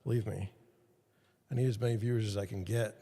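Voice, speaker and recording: This podcast host has a fairly low, warm voice with fairly even intonation, talking a little fast in a big-sounding room. While he swaps his microphone mount on a livestream, he rambles to viewers and pokes fun at himself, his studio mic shifting in level.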